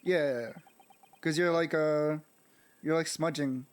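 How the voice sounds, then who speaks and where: A man co-streaming a game, throwing teasing deadpan jabs and laughing often. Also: fairly high pitch, measured pace, smooth. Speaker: streamer co-host. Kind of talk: casual let's-play chat.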